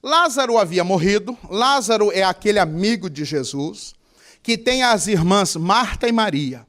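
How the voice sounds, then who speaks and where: A male pastor with a Mato Grosso Brazilian Portuguese accent preaching a sermon, questioning the congregation and acting out voices of people in tearful, high tones. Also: animated, moderate pace, fairly bright tone.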